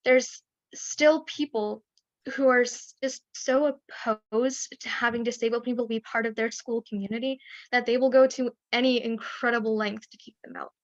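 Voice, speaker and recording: Speaking frankly at a moderate pace with fairly even intonation, a woman whose voice is a bit higher than most shares a personal story as a webinar panelist, letting out small rueful laughs now and then. Her computer mic on the video call gives a dry, dull sound.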